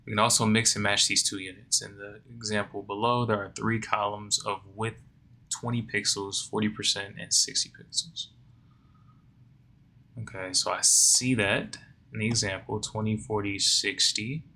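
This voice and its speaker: Here a coding learner reads lesson material out loud, then puzzles over it in a drowsy, think-aloud way, yawning and quizzing himself. He speaks in a lowish, flat voice at moderate speed, and the tone comes across bright and forceful.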